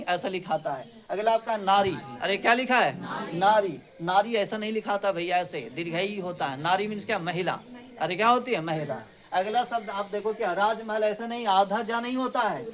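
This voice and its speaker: A male teacher, running a spelling lesson in a classroom. He drills his pupils with quick questions, and he scolds and teases them. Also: high-pitched, a bit bright.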